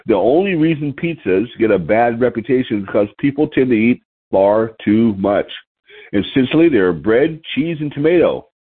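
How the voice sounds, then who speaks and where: A man's voice: medium pitch, animated, moderate pace, husky. A middle-aged man reading out a list of snack tips and adding chuckling personal asides. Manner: reads items then adds chuckling personal asides. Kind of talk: casual talk, reading a list aloud with asides. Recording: tinny phone-like recording.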